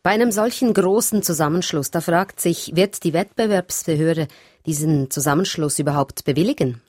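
A woman presenting the radio news, reading in a measured, formal way. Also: deep voice, darkish tone, dry recording, clean studio sound.

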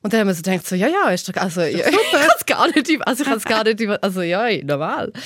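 A woman with a Swiss German accent co-hosting a casual radio studio chat, relaxed and chatty. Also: mid-range voice, fast talker, no room sound. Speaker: podcast co-host.

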